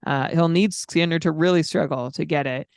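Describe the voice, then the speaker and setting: A man co-hosting a fantasy hockey podcast in casual chat, reeling off statistics in a measured way. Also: on the high side, gravelly, clean tone, dry recording. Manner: stat-heavy, measured, frequent fillers. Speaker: podcast co-host.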